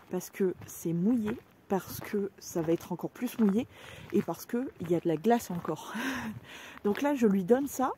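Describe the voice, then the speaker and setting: A vlogger chats casually with her viewers from a cold outdoor yard among her animals, now and then slipping into high, cooing baby talk aimed at them. Her tone is dark, with a slight hiss or hum in the background.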